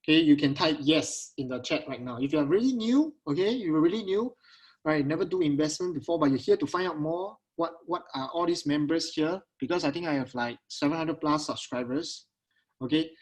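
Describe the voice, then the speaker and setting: Casting: Singaporean man as webinar host, slightly high voice, casual Singlish, repetitive check-ins with attendees. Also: lively intonation, brisk, low-quality recording. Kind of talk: casual live webinar talk to online attendees. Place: at home on a video call.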